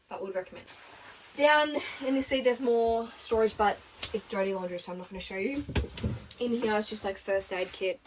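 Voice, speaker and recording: A young woman, chatting casually as she gives a tour of her converted bus and laughs often. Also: mid-range voice. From Australia. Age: early 20s. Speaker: vlogger giving a bus tour. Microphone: camera held by her sister. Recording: camera at a distance with background noise.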